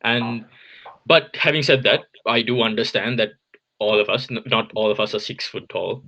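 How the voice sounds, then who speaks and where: A man's voice: medium pitch, steady tone, normal speed, pushed and bright, highs cut off. A man in his twenties, a podcast co-host, giving opinionated takes and teasing his friends, with frequent "um"s. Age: 20s. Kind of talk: casual chat. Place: home in Tokyo.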